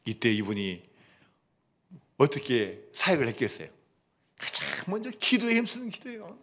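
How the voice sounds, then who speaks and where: A man preaching a sermon as pastor, telling a story with lively acted-out prayers and dialogue. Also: high-pitched. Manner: animated storytelling, acting out quoted prayers and dialogue. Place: church.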